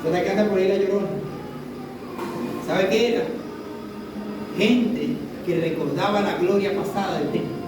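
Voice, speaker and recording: High-voiced pastor preaching in an echoey hall. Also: male voice, steady tone, normal speed, long pauses, over music. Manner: emphatic, repeats "escuche bien" to the congregation. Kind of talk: sermon. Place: church hall. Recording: echoey church room from far off, noisy.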